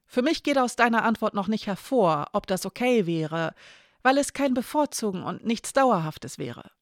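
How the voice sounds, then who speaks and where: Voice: medium pitch, animated, normal speed, no room sound, clean studio sound, voice pushed up, natural voice. A narrator voicing Annika, a young woman who speaks earnestly and directly, with a raised voice.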